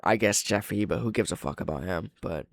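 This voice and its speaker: On the low side and gravelly, this man's voice moves a little fast in a dry, studio-quality recording. Hosting reactions and reviewing videos, he riffs casually and off the cuff, bluntly opinionated and swearing as he goes.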